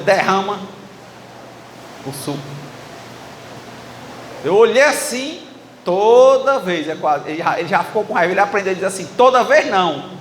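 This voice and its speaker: A man's voice: sits high, fairly bright tone, slight background noise. A man in his thirties with a Ceará accent, preaching in a chatty way and acting out little dialogues with the congregation. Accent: Ceará, Brazil. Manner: conversational, acting out dialogue with the audience. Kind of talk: sermon. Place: church hall with live audience. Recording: echoey hall with faint ambience.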